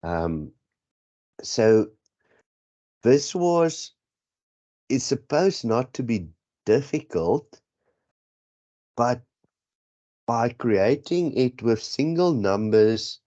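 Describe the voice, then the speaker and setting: With a medium-pitched, sing-song, mellow voice, a man speaks very slowly and pauses frequently. He is a South African with Afrikaans as his first language, giving a rambling, self-correcting statistics exam prep lesson on dull lo-fi audio.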